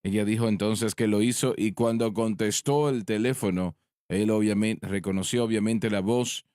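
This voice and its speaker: A low-voiced man speaks as a preacher on a ministry panel. He tells his story slowly and deliberately, pausing and restarting now and then. The sound is dry and close. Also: steady tone, darkish tone, no room sound. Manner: slow, deliberate, with pauses and restarts. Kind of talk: sermon-style storytelling in a panel discussion.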